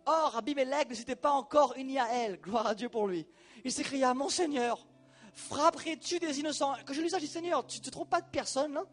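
A male preacher giving a sermon, animated and colloquial, talking straight to the congregation. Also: extremely high pitch, a little fast, soft background music.

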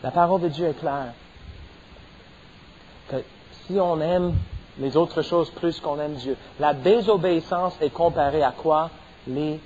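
A man's voice: a little high, a little slow, pauses often, darkish tone, lo-fi sound, slight background noise. A middle-aged man preaching a sermon as pastor, stressing points and punctuating them with amens. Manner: preaching with rising emphasis and repeated amens.

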